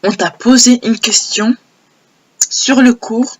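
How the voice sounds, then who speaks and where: A young woman with a hoarse, low voice telling a personal story in a casual, animated way, repeating phrases for emphasis. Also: takes it slowly. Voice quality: low broken voice. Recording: old homemade audio.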